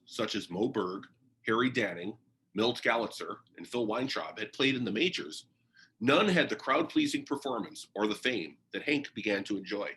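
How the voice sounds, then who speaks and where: In a roughly recorded clip, a man reads a biography aloud, narrating it like a story. His bright, forward voice moves around lively in pitch, and his delivery is expressive.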